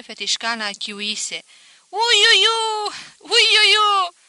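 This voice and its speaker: Bright-voiced woman reading a novel. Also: mid-range voice, no echo. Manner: measured, expressive storytelling. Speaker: audiobook reader. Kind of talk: literary reading.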